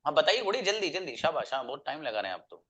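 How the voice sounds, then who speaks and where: A man's voice: on the high side, sing-song, rapid-fire, fairly bright tone. A man, teaching an online class. He explains patiently and repeats himself, asking his students question after question. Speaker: English teacher.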